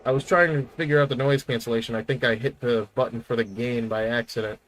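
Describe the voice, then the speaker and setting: Bright-voiced man joking over gameplay. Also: mid-range voice, fairly even intonation, quick pace, rough recording. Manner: jokey, laughs often, self-mocking. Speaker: streamer. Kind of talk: casual gameplay chat.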